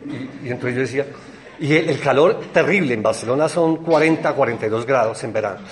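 A young Colombian man telling a personal anecdote in a rambling, excitable way. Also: medium pitch. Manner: excited, rambling, quick storytelling with laughs.

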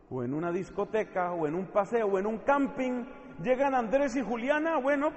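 A man with a high voice preaches in a big hall, and his words ring out with a long echo. He moves between loud, pleading stretches and quiet, searching questions. His delivery is impassioned. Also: lo-fi sound. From not from Spain. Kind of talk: sermon. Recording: echoey hall with long reverb.

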